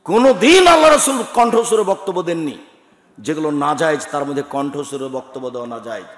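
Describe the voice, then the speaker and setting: A middle-aged man from Bangladesh, preaching a sermon forcefully, swinging from loud shouted lists to low asides. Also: expressive, fast. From Chapainawabganj, Bangladesh. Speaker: teacher and scholar. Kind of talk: Bengali sermon. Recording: echoey hall with long reverb.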